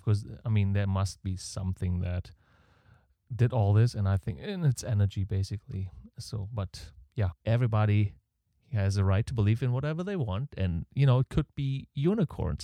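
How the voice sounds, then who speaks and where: This podcast host has a lowish, warm voice and a German accent, talking on his own in a casual monologue. He wanders from point to point, opinionated and self-deprecating, his breath audible on a close podcast microphone. The home recording in Canada is dry and studio quality.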